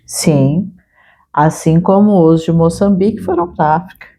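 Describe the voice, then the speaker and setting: A woman from Brazil with a Brazilian Portuguese accent, calmly explaining her views in a casual therapy talk. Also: fairly low pitch, moderate pace, slight background noise. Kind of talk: casual conversation.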